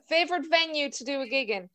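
Higher-voiced Mayo woman hosting a chat. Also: lively intonation, normal speed, bright, forceful tone. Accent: west of Ireland, County Mayo. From County Mayo, Ireland. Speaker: podcast host. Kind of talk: casual chatty interview. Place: remote video call.

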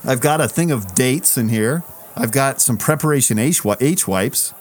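A man's voice: medium pitch, lively intonation, normal speed. A man co-hosting a casual podcast, telling a self-mocking story and swearing loosely as he talks. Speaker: podcast co-host. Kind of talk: casual chat.

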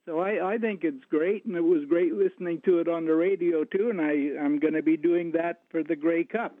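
Guy calling in on the phone, tinny line, kinda halting, higher voice. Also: dry recording. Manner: halting, restarts often. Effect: over the phone. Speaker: caller. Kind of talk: talk radio call-in.

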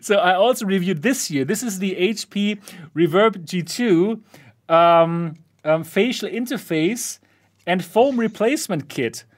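A man with a notably high speaking voice hosts a relaxed tech chat. He keeps breaking into laughter between points, and the talk stays loose and conversational. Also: measured pace. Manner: laughs often while talking. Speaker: host of a VR channel. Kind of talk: casual podcast chat.

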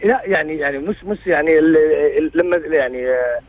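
A man pours out his marriage troubles at a very fast clip, restarting again and again as he hunts for the right word. His voice sits a bit high for a man. It comes through a muffled, lo-fi phone line. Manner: rambling, searching for words, frequent restarts. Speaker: caller seeking marriage advice. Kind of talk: call-in radio conversation.

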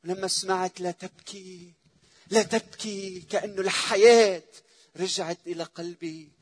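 A man doing a broken widowed mother, soft tender telling, high voice. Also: flat delivery, a little slow. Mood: tender grief.

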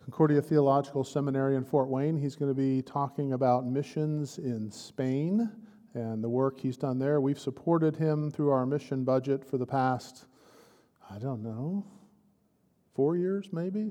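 Male pastor, informal church announcements, mellow tone, long cathedral echo. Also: mid-range voice. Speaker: pastor introducing a guest speaker. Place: large indoor church space. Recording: echoing church hall, long reverb.

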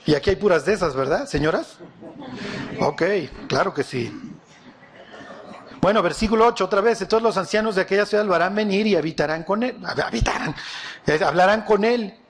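High-voiced man preaching. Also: a little fast, long pauses. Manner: animated, quizzing the audience with questions. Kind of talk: sermon.

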